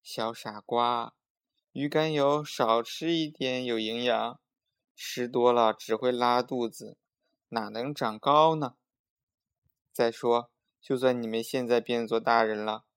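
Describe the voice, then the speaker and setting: A man's voice: mid-range voice, steady tone, unhurried, smooth, lightly acted. A man voicing a mother who scolds her children in an exclaiming but caring way. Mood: chiding.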